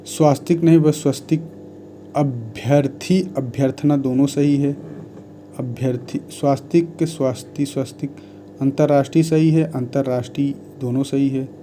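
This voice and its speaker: A man teaching Hindi spelling, reading out word lists one by one in a measured dictation style. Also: medium pitch, steady tone, dark tone, slight background noise.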